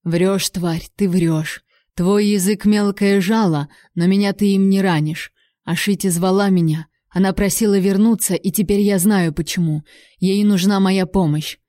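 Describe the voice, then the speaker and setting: A woman reading the part of a proud young male warrior, speaking with cold, measured threat. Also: mid-range voice, fairly even intonation, warm tone, no room sound, clean studio sound, natural voice. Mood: cold menace.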